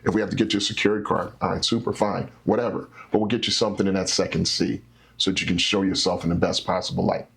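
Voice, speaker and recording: A man who works as a credit specialist, a guest in an interview, explaining things simply with stories and animated little scenarios. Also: low voice, fast talker, creaky, slightly rough. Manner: animated, teacherly, acts out scenarios.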